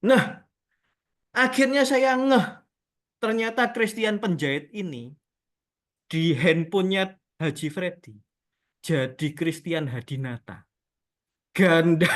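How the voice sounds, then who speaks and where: A man telling a testimony story in a relaxed, conversational way, often addressing his listeners as friends. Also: high voice. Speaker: speaker giving a testimony.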